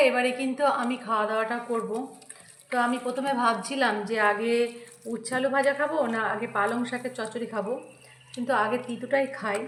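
A woman talks casually to her viewers about the meal and calls them friends. Her voice sits a little high. The recording is echoey, with a faint hiss underneath. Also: fairly bright tone. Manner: chatty, addressing viewers as friends. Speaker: cooking and food vlog host. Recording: echoey room, faint noise.

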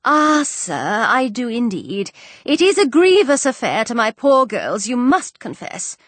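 A woman's voice: fairly high pitch, sing-song, a little slow, a bit bright, no echo, pitched above the performer's own voice, exaggerated voice. A woman voicing a fretful middle-aged mother who worries about her daughters, in a plaintive, fussy way.

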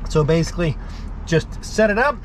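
Captured on a nearby wide-angle action camera with some background noise and low quality, this middle-aged man vlogs about living on a boat. His slightly high voice moves at a moderate pace with lively intonation as he upbeatly walks through each step of his work on a wooden boat outside.

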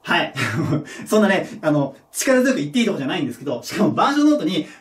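Guy teaching english at a board, high lively voice, patient, bit far off the mic. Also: fast. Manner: patient, step-by-step, checks in with "right?"; self-deprecating about his own mistake. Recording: echoey room, voice from off the mic.

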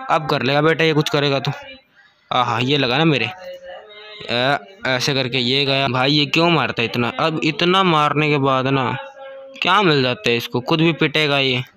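A man commentating his own video game playthrough, excitable and mixing English words into his talk, recorded through a home computer mic with a screen recorder. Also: mid-range voice. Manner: yelps and pleads in frustration during fights. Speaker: gaming channel host. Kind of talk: let's-play commentary.

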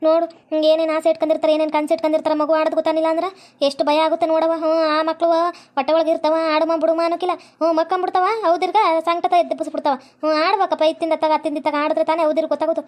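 Woman playing a fussing village mother, quick. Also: extremely high pitch, little pitch movement, darkish tone. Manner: chatty, fussing, quick-talking. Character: worried talkative village mother, middle-aged. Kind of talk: comedy skit acting.

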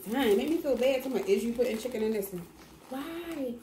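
Young woman cooking and chatting, high voice, echoey noisy kitchen. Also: lively intonation, fairly quick, warm tone. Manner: playful, sings along, slangy. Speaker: cooking vlog co-host. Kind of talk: casual chat while cooking and singing along. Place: home kitchen.

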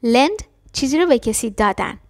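A woman teaching a language lesson, explaining quickly and then repeating short phrases slowly and carefully. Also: a little high, expressive, no room sound, clean studio sound. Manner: switches between fast explanations and slow, careful repetitions. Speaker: English teacher.

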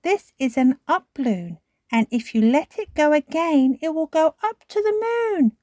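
A woman's voice: sits high, lively intonation, measured pace, a little mellow, no room sound, clean studio sound, voice pushed up. A woman voicing a cheerful, bossy little girl pig in a storybook reading. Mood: bossy chirpy. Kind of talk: storybook read-aloud.

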